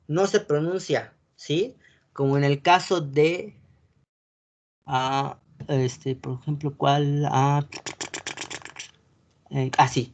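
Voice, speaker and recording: A man's voice: on the high side, muffled recording. A man with a Mexican Spanish accent lecturing a class as a teacher, explaining step by step and often checking whether the students are following. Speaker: wine course teacher.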